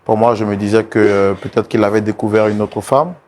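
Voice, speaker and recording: A man hosting a talk show, trying to calm a distressed guest and repeating the same pleas over and over. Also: fairly low pitch, a little fast, slight background noise. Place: TV studio set.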